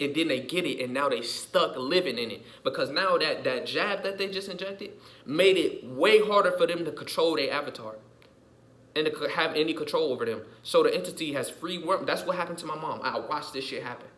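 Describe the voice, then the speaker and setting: A man's voice: a little high, a bit bright, low-quality recording. A man giving an emphatic, repetitive vlog monologue, swearing often and circling back over his points. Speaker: vlogger. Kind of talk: casual monologue rant.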